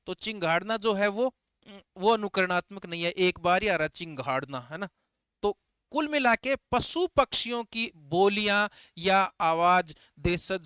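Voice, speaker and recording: A man's voice: sits high, bright, forceful tone, clear, resonant tone, no echo. A male teacher giving a grammar lecture, asking the class questions and answering them himself while repeating key terms.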